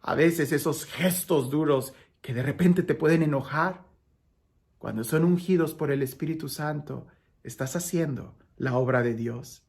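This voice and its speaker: Expressive priest preaching a homily. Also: male voice, fairly high pitch, unhurried. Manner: expressive, swings from lively raised passages to soft hushed ones; repeats phrases for emphasis. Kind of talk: daily gospel homily.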